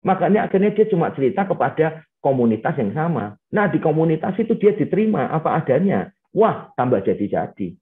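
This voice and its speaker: A man's voice: fairly high pitch, big pitch swings, brisk. A middle-aged male pastor giving a casual teaching talk in a webinar, chatty and sprinkled with English phrases. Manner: conversational, mixes in English phrases, frequent "gitu" fillers. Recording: tinny phone-like webinar audio.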